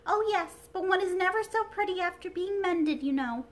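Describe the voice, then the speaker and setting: A woman's voice: very high-pitched, lively intonation, normal speed, voice pushed up. A woman reading a storybook aloud, voicing a timid, dainty china doll princess in a frightened little voice. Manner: fearful, delicate and prim.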